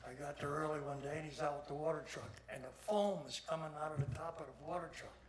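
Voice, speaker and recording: Older guy rambling through old racing stories, kinda high voice, folksy and salty, crowd murmuring in the hall. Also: fast. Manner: plainspoken, salty, rambling storyteller. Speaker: awards presenter, longtime motorsports official. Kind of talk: folksy anecdotal tribute speech. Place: induction ceremony hall with audience. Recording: audience noise throughout.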